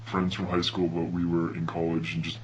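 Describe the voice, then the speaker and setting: Young man, lower voice, casual storyteller, slangy, animated retelling, faint background hum. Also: fairly quick, dull audio. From Hawaii. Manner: laid-back, slangy, animated retelling with acted-out quotes. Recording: noticeable hum and background noise.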